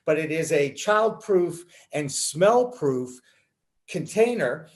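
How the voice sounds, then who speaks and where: A man's voice: on the high side, expressive, slow. A man in his sixties hosting a casual interview over a video call from home, chatty and enthusiastic. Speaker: host. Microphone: video call webcam.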